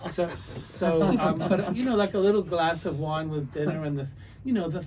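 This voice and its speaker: A man's voice: a little high, moderate pace, crowd noise. An older man who grew up in New Zealand, a guest winemaker chatting casually on a podcast, rambling through stories with many restarts. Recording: distant mic, noisy room.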